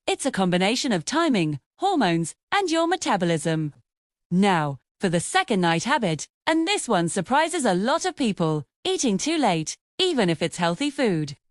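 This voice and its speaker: Female vlogger-type host for scripted health explainer, animated intonation, very dry recording, direct address. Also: a little high, dry recording.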